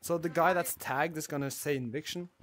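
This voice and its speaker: Laid-back young streamer from Norway. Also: male voice, fairly high pitch, brisk, a bit bright. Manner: laid-back, greets chat and thanks subscribers. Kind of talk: casual livestream chat while gaming.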